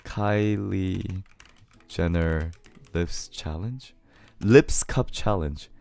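A man in his twenties from Korea, hoarse from singing, chatting casually on a live stream and greeting viewers one by one. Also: sits low, extremely slow, soft background music. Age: 20s. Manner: laid-back, greets viewers one by one, laughs often. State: hoarse from singing too loud. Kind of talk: casual live stream chat, reading viewer messages aloud. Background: his favorite song playing softly.

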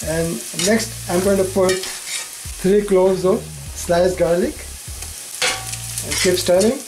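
Older man calmly explaining a recipe. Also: high voice. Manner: calm, plain, measured instructions. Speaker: home cook host. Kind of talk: step-by-step cooking instruction.

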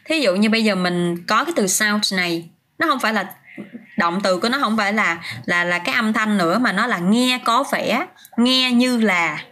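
Woman, livestream English teacher, chatty, mid-pitched voice, faint background hiss. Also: moderate pace, pushed and bright. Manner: chatty, answers viewers' comments by name, many fillers and restarts. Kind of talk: casual livestream lesson.

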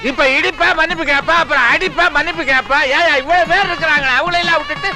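A cranky middle-aged wedding guest picks fights and snipes sarcastically at everyone around him. The voice sits very high and sounds sharp and bright, with faint film music behind it. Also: male voice, fairly even intonation, fast talker, exaggerated voice. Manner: sarcastic, bickering, scolding. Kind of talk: film comedy dialogue.

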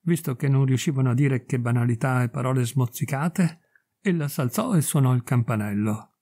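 A man reading a classic short story aloud in measured, expressive narration. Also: mid-range voice. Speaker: audiobook reader. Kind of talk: scripted literary narration.

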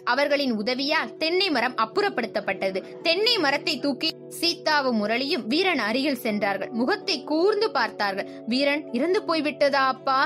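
Young woman narrator, high voice, steady storybook delivery over soft music. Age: young adult. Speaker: audiobook narrator.

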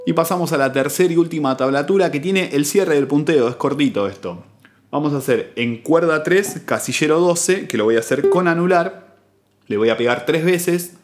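A man, a guitar teacher giving a calm, methodical step-by-step tutorial, counting out strings and frets. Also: a little high, normal speed. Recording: guitar playing loudly between phrases.

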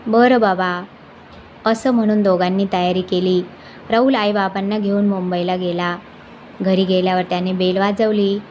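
A woman narrates a scripted family tale at an ordinary middle pitch, her delivery even and measured. There is a faint hiss under the voice. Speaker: storyteller. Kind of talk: scripted narration of a moral story.

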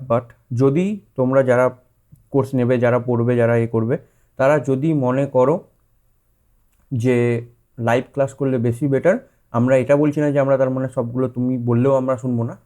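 Mellow-voiced man explaining his course. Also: mid-range voice. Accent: Bengali. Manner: conversational, many fillers and rephrasings, checks in with students. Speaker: teacher introducing a course. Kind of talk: casual explanatory talk to students.

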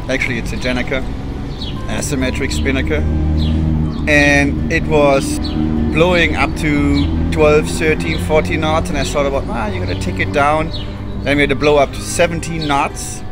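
Enthusiastic man chatting outdoors. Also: fairly high pitch. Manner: enthusiastic, talks about sailing with the wind. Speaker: sailing vlog host. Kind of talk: casual chat. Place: outdoors in a sunny town plaza. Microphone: camera held at arm's length. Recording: music playing underneath.

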